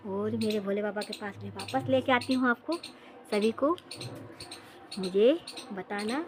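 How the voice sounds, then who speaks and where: A woman's voice: medium pitch, measured pace, background noise. A woman vlogging a casual tour of her home and garden, repeating herself and talking straight to viewers. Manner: chatty, repeats phrases, talks straight to viewers.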